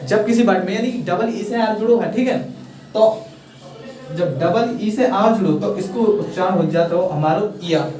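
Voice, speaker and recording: A young English teacher with a Hindi accent speaks at normal speed in a high-pitched, mellow voice. During a casual classroom explanation of pronunciation, he checks often that students follow, coaxing and encouraging them with many a "thik hai." The recording is echoey, with the voice far off.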